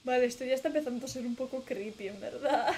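Young streamer, high bright voice, reads game text aloud, chatty asides, desk mic. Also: female voice, fast, slight background noise. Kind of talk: casual gameplay commentary.

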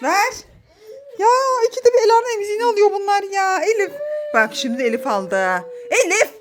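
A woman's voice: very high-pitched, expressive, normal speed. A woman narrating a casual family vlog at home as a mother filming her children, playful and exclaiming, often laughing.

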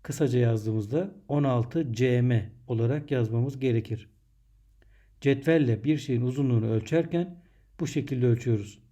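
Very dark-voiced man, measured dictating teacher. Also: mid-range voice. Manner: measured, dictating in short separated phrases. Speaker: primary school teacher. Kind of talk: scripted lesson narration for young pupils.

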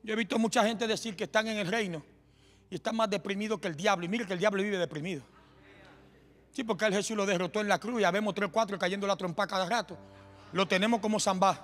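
A man preaching a sermon in a church, impassioned and often shouting, with joking asides. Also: sits high. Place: church sanctuary. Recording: long hall reverb with faint music.

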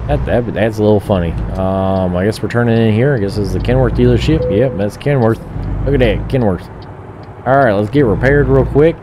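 A deep-voiced man commentating a trucking game, sounding tired and drowsy. He rambles on with constant "uh" and "um", drifting into talking to himself. A steady hum of game engine noise runs under his voice. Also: brisk. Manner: rambling, full of "uh" and "um", talks to himself. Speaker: gaming streamer. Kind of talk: casual gameplay commentary.

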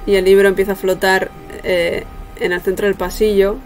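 A young woman running a tabletop game as game master, narrating casually and haltingly over a video call. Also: mid-range voice, little pitch movement, darkish tone. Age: young adult. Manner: halting, thinking aloud. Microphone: webcam video call. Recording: noisy home video call.

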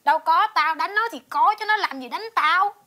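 A woman playing a bossy, shrill wife who bullies her husband, in a stage comedy sketch. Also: moderate pace, pushed and bright, faint music behind. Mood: boastful. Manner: barking orders, scolding.

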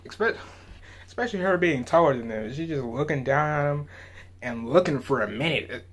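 Man, reaction host, slightly husky, rambling and chuckling. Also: on the high side, lively intonation, normal speed. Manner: laughs often, trails off with "I don't know". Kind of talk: casual rambling commentary.

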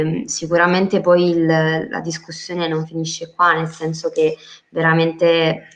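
Low, flat-voiced Italian-speaking woman. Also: lo-fi sound. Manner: hesitant, many fillers and restarts. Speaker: interior design guest. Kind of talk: casual live chat.

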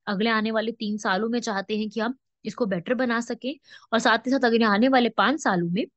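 A woman's voice: on the high side, no echo. Teacher-like woman. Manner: explanatory, with frequent rhetorical questions and check-ins. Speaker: current affairs teacher. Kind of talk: exam-prep lecture. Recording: dull, dry lo-fi.

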